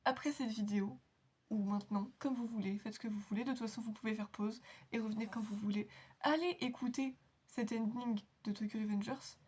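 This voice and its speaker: A woman's voice: on the high side, steady tone, fairly quick, darkish tone, breathy edge. A woman hosting an anime reaction video, chatting casually in a rambling, giggly, self-mocking way. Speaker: anime reaction channel host.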